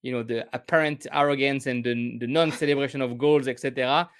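A man's voice: medium pitch, steady tone, clean tone, no room sound, studio quality. A man from France hosting a football podcast, talking casually with frequent restarts and fillers. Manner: halting, many restarts and fillers. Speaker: podcast host.

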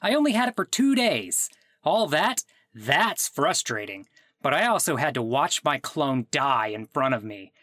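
A man's voice: medium pitch, very animated, unhurried, fairly bright tone, dry recording. A man playing a fed-up, sarcastic customer. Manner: sarcastic, indignant, bursts out. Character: exasperated man whose clone died. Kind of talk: comedic audio drama acting.

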